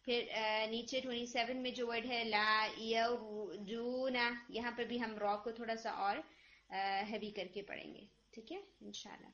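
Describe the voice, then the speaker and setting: A woman teaching Quran recitation online, gently correcting a student's pronunciation and modeling the sounds slowly. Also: a little high, flat delivery. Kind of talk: online tajweed feedback. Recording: lo-fi online call audio.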